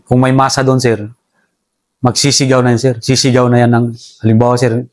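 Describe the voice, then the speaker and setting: A soldier telling how the enemy operated, in a relaxed interview, respectfully calling his listener sir throughout. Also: medium pitch, a little fast, no room sound. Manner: respectful, says "sir" constantly. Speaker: soldier recounting enemy tactics. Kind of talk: casual interview storytelling.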